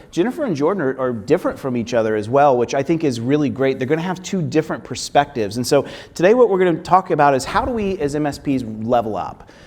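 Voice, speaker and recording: A man's voice: mid-range voice, a little mellow. A man moderating a conference panel in an upbeat, enthusiastic and conversational way. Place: conference stage with long hall reverb. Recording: reverberant conference hall.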